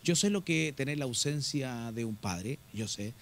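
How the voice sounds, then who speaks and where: A man's voice: mid-range voice, expressive, unhurried. A middle-aged man, a pastor preaching earnestly and telling a personal story to his congregation, often calling them brother. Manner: earnest, often addresses listeners as "hermano".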